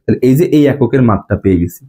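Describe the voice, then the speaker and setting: Fast-talking male physics tutor, husky. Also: mid-range voice, lively intonation, dark tone. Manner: repetitive, asks students check questions. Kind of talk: classroom lecture.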